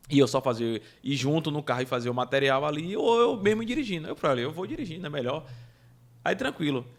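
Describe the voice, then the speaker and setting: A man chats as a podcast guest, spinning anecdotes with energy and frequent laughter. His voice sits a bit high for a man. He tells the stories in a relaxed, conversational way. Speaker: podcast guest, event producer. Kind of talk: casual storytelling chat.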